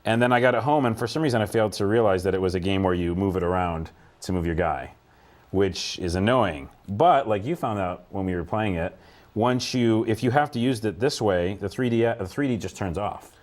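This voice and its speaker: A man, chatting loosely as a podcast co-host. He rambles, laughs often and fills pauses with "uh" and "you know.". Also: fairly low pitch. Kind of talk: casual chat.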